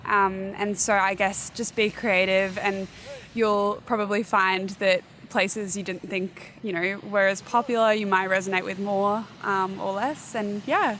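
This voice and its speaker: A woman's voice: mid-range voice, fairly even intonation, unhurried, fairly bright tone, a little hiss or hum. A woman with an Australian accent, chatting casually as a tourist in a street interview, full of "like" and "you know".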